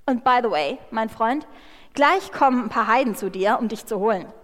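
Brief: calm, patient God, put on by a woman preacher in a high voice, echoing hall. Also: close to an everyday voice. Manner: slow, measured and gentle.

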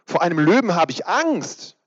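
A man's voice: sits high, big pitch swings, normal speed, husky, voice pushed up, full character voice. A man reading aloud as a frightened young girl from a storybook, anxious and questioning, his voice raised, in a reverberant, dull-sounding hall.

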